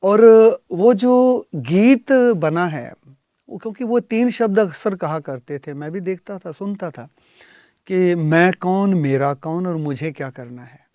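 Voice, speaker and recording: A middle-aged man, a guest singer in a studio interview, who explains his points thoughtfully and pauses to hesitate often. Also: high voice, animated, a little mellow, no echo.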